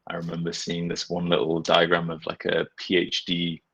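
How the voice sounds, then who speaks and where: Deep husky guy from nepal on a design panel, earnest, kinda lo-fi call sound. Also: completely flat delivery, normal speed, a bit bright. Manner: earnest, reflective, uses casual fillers. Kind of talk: casual panel discussion. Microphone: video call. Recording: dull, lo-fi video call audio.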